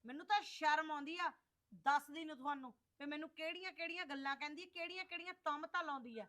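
A sharp-tongued middle-aged mother-in-law, played by a woman, high-pitched and scolding. She sounds indignant, airing grievances in a family drama. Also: fast.

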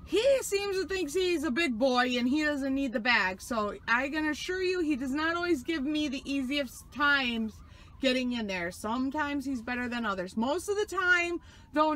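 A woman in her thirties from New York with a high voice talks casually as she shows viewers around her truck cab. She rambles along with plenty of ums, filming on a phone she holds in her hand. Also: a bit bright. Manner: chatty, rambling with many fillers. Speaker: truck driver vlogger. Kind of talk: casual vlog tour. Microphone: phone camera held in hand.

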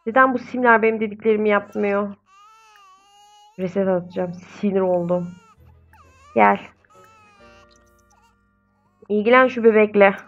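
A young woman talks her way through a life-simulation game in a casual, chatty voice. She is often exasperated and coos at the babies. Her mid-pitched voice comes through a slightly dull, lo-fi home mic. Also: unhurried, pauses often, soft background music. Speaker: gaming video host. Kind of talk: casual gameplay commentary.

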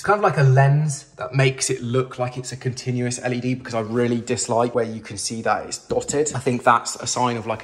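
Filming by hand on his phone as he walks through a big kitchen, a young man from England narrates a casual tour of his renovated home. His mid-range voice is chatty and enthusiastic, sprinkled with casual slang, in true home renovation vlogger style.

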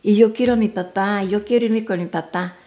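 A woman in her seventies with a Mexican Spanish accent, telling family memories in a rambling, halting way and often dropping to a near whisper. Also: mid-range voice, steady tone. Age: 70s. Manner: rambling and halting, with frequent restarts and soft, near-whispered asides. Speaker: mother recalling family memories. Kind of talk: informal family storytelling.

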